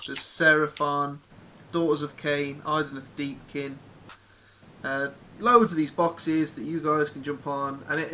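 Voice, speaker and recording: A man's voice: fairly high pitch, sharp tone, slight background noise. A man hosting a casual live chat, rambling with plenty of ums and restarts. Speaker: podcast host.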